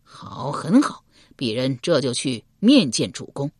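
A woman plays a shrewd statesman in an audiobook, speaking in a measured, authoritative way with a lively rise and fall. The voice is husky and recorded dry and close. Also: a bass voice, no echo, full character voice. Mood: persuading. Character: shrewd, calm male chancellor, middle-aged. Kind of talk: audiobook character voice.

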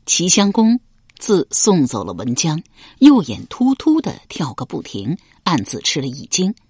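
Woman storyteller, historical novel reading, low-ish voice, very animated pitch, dry close sound. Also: measured pace, husky, no room sound. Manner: dramatic, expressive narration.

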